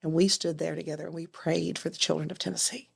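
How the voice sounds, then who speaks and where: A woman telling a story as a guest, lively and quick with her asides. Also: sits low, vocal fry, breathy edge. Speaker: nonprofit founder, guest. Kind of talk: animated storytelling.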